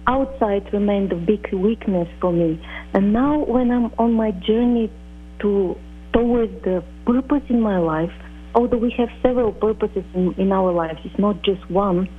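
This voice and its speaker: A middle-aged woman speaks as an interview guest, her voice husky and breathy. She tells her story in an earnest, measured way that sometimes halts. The sound is thin and narrow, like a phone call. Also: medium pitch. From Bulgaria. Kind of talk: reflective personal storytelling.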